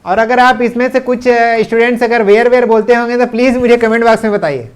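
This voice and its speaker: A man with a fairly high voice teaches grammar in a classroom-style video lesson. He explains patiently and drops into English for example sentences, which he repeats slowly. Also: clear, resonant tone. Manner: mixes English sentences into his speech.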